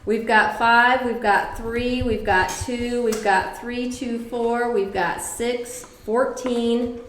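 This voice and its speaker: A woman's voice: a little high, steady tone, slow pace, a bit bright, slight background noise. Middle-aged woman doing a tarot reading, swears a lot, repeats herself for punch, kinda echoey room. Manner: blunt and profane, emphatic repetitions. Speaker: tarot reader.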